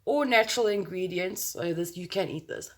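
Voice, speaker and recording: A woman with a South African accent, her voice fairly low and her pace normal, films a casual makeup tutorial close to her phone. She's chatty and playful, rambling along with plenty of exclamations and sound words.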